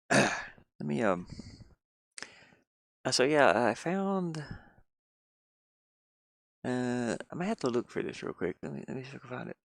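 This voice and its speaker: This van-dwelling livestreamer, who games and builds games as a hobby, speaks in a sing-song, unhurried way, leaving long pauses. His medium-pitched voice is creaky, and there's no room sound at all. The talk is loose and unscripted, with folksy rambling and muttered asides to himself.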